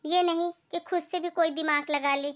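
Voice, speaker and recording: A woman's voice: extremely high pitch, fairly even intonation, normal speed, dry recording. A woman playing a nagging, scolding mother-in-law. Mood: complaining. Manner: complaining, sharp-tongued, self-righteous. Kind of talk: comedy skit acting.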